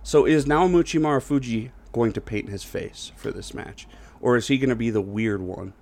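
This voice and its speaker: A man with a gravelly, darkish, medium-pitched voice talks at normal speed as co-host of a casual wrestling podcast. He rambles, asks questions and lets his thoughts trail off, all while he has the hiccups.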